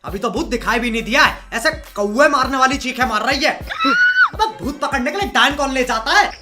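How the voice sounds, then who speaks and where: A man's voice: extremely high pitch, animated, quick pace, bright, forceful tone, faint music behind. A man hosting comedic roast commentary, mocking clips in a sarcastic way. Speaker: host.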